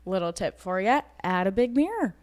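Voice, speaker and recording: Female podcast co-host, relaxed and chatty, conversational tip-sharing delivery. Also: mid-range voice, normal speed. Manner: chatty, easygoing tip-giving. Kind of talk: casual podcast chat.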